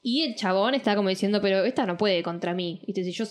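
A young woman with a Rioplatense accent, telling a story in slangy, animated casual chat. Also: mid-range voice, fast talker. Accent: Rioplatense Spanish.

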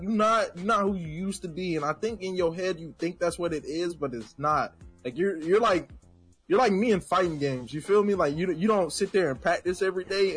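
A man's voice: high-pitched, fairly bright tone, slightly rough. A young man co-hosting a casual podcast, ranting bluntly and repeating his points for emphasis. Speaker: podcast co-host. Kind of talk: casual opinionated chat.

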